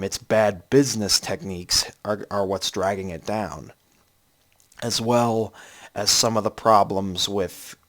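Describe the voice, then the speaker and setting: A man giving an unscripted video game review from his computer. He rambles, restarts often and yawns now and then. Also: on the low side. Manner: rambling, many ums and restarts; yawning, sleepy. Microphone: computer mic.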